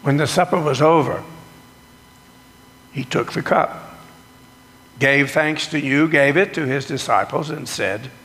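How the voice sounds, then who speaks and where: A male pastor leads the liturgy with slow, deliberate phrasing and a gravelly edge to his voice. Every word rings out in a long cathedral echo that fills the church sanctuary. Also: fairly high pitch, a bit bright. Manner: slow, measured liturgical delivery. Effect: cathedral echo, long church reverb. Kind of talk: sermon and communion liturgy. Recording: long echoing church reverb.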